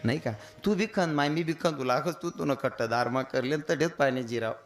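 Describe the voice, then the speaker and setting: A man's voice: on the high side, a little fast, faint music behind. A man giving a comic devotional sermon on stage, telling stories and mimicking wailing women. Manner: storytelling with mimicked wailing voices. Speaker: kirtan preacher.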